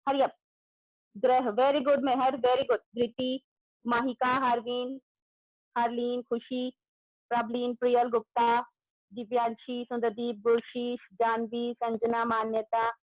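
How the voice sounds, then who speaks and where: A high-pitched woman teaches young pupils in an online class. She speaks loudly, names students one after another and praises correct answers. The audio is tinny and phone-like, with no room echo. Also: monotone, slow pace. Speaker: school teacher.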